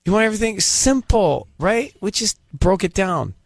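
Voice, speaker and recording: A male radio host running a call-in segment, pressing a caller with calm, firm questions. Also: sits high, normal speed, vocal fry, no echo.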